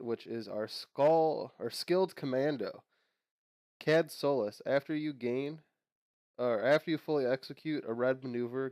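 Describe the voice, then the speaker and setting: With a slightly mellow mid-range voice and a cold that makes him nasal, this young host talks casually about unboxings and lore on his own channel. He rambles, with fillers and restarts. The recording is studio quality with no echo.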